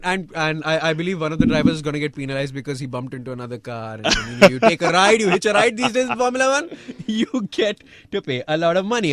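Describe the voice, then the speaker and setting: A young man co-hosting a podcast in casual chat, excitable and laughing often as he teases his partner. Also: a little high, no echo. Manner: excitable, laughs often, mock-accusing banter. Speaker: podcast co-host.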